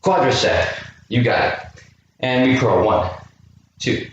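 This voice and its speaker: A man's voice: mid-range voice, expressive, takes it slowly, highs cut off. A man leading a home workout class for kids, counting reps aloud and asking encouraging questions. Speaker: youth fitness coach. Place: indoor room with a chair. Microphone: camera microphone from a distance. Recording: very echoey room, distant mic, faint noise.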